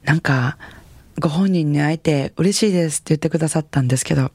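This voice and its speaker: Gravelly Kansai-accented woman radio host. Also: low voice, fast talker, a little mellow, no room sound. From Kansai region of Japan. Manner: chatty, self-mocking storytelling with frequent fillers. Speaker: radio host and jazz singer. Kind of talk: casual radio talk. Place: radio studio. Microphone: studio microphone.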